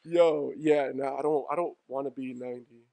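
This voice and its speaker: A man's voice: mid-range voice, steady tone, normal speed, creaky, warm tone, dry recording. A man in his thirties co-hosting a podcast in casual chat, joking and slangy and laughing often. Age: 30s. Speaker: podcast co-host.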